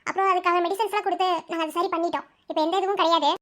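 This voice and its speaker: A woman voicing a calm woman doctor who reassures worried relatives in a firm, soothing way. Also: very high voice, very fast. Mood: reassuring. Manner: soothing, firm, mixes English words. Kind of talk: cartoon voice acting.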